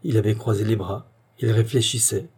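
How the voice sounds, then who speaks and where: A man reading a short story aloud as scripted narration, measured and even. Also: on the low side, slightly rough. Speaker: audiobook reader.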